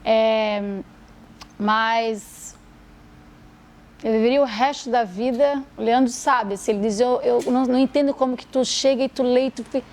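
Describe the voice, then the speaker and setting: Expressive woman, high voice. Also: normal speed. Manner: expressive, emphatic storyteller. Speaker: guest therapist. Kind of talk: podcast conversation.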